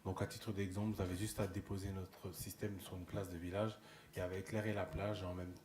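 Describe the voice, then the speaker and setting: A man's voice: low-pitched, level tone, brisk, a little mellow, reverberant. A man from France who founded a solar start-up, explaining it plainly at a forum. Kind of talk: presentation at a forum.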